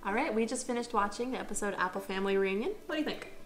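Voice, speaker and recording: A woman's voice: medium pitch, racing. Emphatic woman from Philadelphia, music behind. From Philadelphia, United States. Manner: emphatic, hesitant fillers. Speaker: podcast co-host. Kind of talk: casual review chat.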